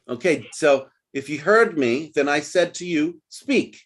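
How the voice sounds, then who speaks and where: A man's voice: a little high, lively intonation, unhurried, a bit bright. A man leading an online group English lesson over a video call, patient and coaching, repeating phrases for his learners. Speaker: English teacher.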